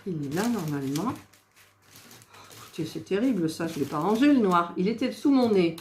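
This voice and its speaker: A woman's voice: fairly low pitch, expressive, moderate pace, a little mellow. A woman vlogging her craft project, talking to herself as she hunts for missing pieces, with exasperated asides to viewers. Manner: talks to herself while searching, exasperated asides. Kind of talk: casual crafting chatter. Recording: echoey room with faint noise.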